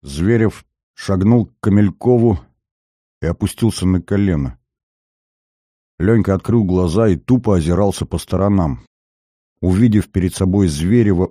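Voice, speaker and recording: A male audiobook narrator with a low, mellow voice reads at a measured, even pace. He is recorded close on a studio mic, and the sound is dry with no room around it. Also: no room sound. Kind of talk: scripted narration.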